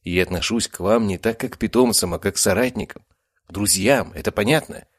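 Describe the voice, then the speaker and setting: A man's voice: on the low side, fairly quick, gravelly, husky, dry recording, clean studio sound, voice pushed up. A man voicing a firm, caring young nobleman hero who scolds his companions in an audiobook.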